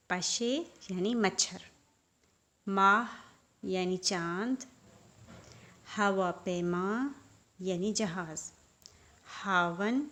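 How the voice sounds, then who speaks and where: Woman teacher, vocabulary lesson, slow and deliberate, middle pitch. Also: fairly bright tone. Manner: says each word, then explains it. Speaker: language teacher.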